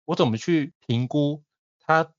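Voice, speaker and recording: A man's voice: on the high side, measured pace, no echo. A man, a podcast host who enthusiastically recommends and asks probing questions. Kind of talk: interview questions and commentary. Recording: dry, slightly dull audio.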